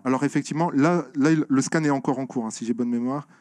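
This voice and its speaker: A man's voice: mid-range voice, fast talker, a little mellow, no echo. Guy giving a talk, answering questions, lots of ums, dry mic. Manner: hesitant, many fillers and restarts, explanatory. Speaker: conference speaker on software security. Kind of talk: conference Q&A answers. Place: lecture room.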